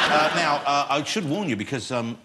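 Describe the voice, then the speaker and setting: A man's voice: on the high side, very noisy. A man hosting a late-night talk show, teasing his guest in a playful, jokey way. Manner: teasing, jokey, puts on silly voices. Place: TV studio with live audience. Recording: loud studio audience behind.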